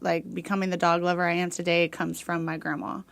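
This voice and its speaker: Chatty Texan woman, lowish voice. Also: level tone, brisk, gravelly, no echo. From Houston, Texas. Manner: chatty, rambling, many fillers and laughs. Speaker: podcast guest, dog trainer. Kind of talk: casual interview chat.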